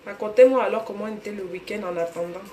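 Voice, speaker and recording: A woman's voice: mid-range voice, fast talker, mellow. Chatty Cameroonian woman cooking live. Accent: Cameroonian French. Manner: chatty, greets viewers by name. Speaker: cooking livestream host. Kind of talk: casual live cooking chat. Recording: roomy echo, faint room noise.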